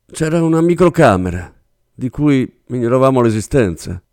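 A scared young clerk talks in a high, strained voice, rushing his words, as a man puts him on. The delivery swings widely in pitch. It sounds close and dry, with no room around it. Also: very animated, darkish tone, no room sound. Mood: frightened, pleading.

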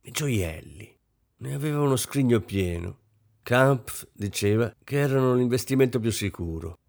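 A man narrating a novel as an audiobook in a measured, expressive way. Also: mid-range voice, gravelly.

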